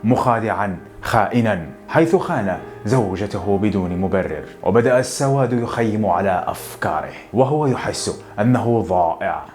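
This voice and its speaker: A man narrating a novel as an audiobook, in a steady storytelling delivery. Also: lowish voice, normal speed. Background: soft guitar music.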